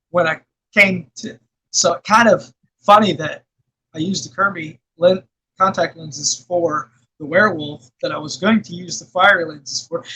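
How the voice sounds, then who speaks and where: Middle-aged arkansas man, rambling interview guest, husky and bright. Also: on the high side, low-quality recording. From Arkansas, USA. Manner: rambling, many fillers and restarts, laughs often. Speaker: guest filmmaker and actor. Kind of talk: casual interview chat.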